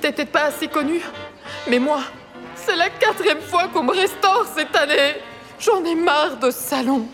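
A whiny, fragile art installation that has had enough, with a very high voice. It rings out in a long reverb over soft music. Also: female voice, a little slow. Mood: peevish.

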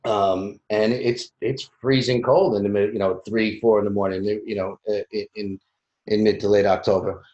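A man speaking as an interview guest in a relaxed, halting way, with many fillers. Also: lowish voice, a little hiss or hum. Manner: halting, full of "you know" fillers. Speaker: film producer, interview guest. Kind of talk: casual interview conversation. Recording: roomy, dull lo-fi sound.

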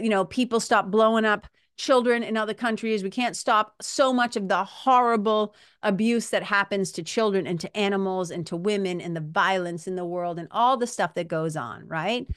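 A woman's voice: medium pitch, a bit bright, clean tone, dry recording, clean studio sound. A woman speaking as a podcast host and coach, giving a casual, emphatic motivational talk to listeners in informal, salty language.

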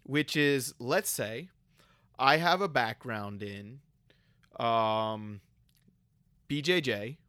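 A man co-hosting a casual podcast, walking through a hypothetical student step by step and pausing on filler sounds. His voice sits at an ordinary pitch, and the recording is dry, with no room sound. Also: a bit bright, clear, resonant tone, no echo. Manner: lays out an example step by step, with frequent ums. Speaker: podcast co-host.

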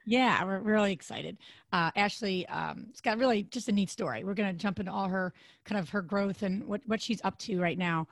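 A woman co-hosting a podcast in a casual chat, her voice raspy and hoarse, with a chatty manner full of restarts. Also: fairly quick, dry recording. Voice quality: raspy, deep voice. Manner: chatty, frequent restarts and fillers. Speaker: podcast co-host.

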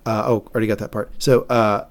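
A man's voice: on the low side, little pitch movement, a little fast. A man co-hosting a podcast, recapping a TV episode in a rambling, self-correcting way and speculating about what comes next. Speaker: podcast co-host.

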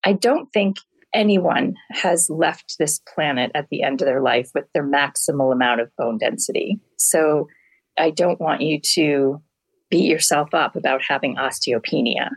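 Gravelly low-voiced woman doctor. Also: a little slow, no echo, poor audio. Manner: candid, explains with homely comparisons. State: hoarse from allergies. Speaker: family medicine doctor, guest. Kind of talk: casual interview answers.

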